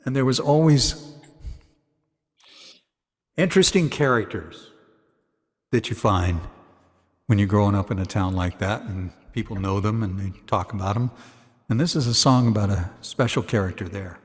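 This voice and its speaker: A man's voice: lowish voice, moderate pace, long pauses. A man from Virginia hosting a songwriter showcase over a video call, talking casually and rambling with lots of fillers. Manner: rambling, filler-heavy, soft-spoken asides. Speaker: songwriter association president and show host. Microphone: computer mic on a video call. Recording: long reverb on the voice.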